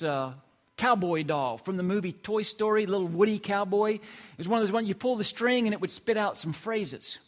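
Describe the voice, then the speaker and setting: Male pastor, middle-aged, high and animated voice, chatty sermon delivery with rhetorical questions. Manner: conversational, playful preaching with rhetorical questions.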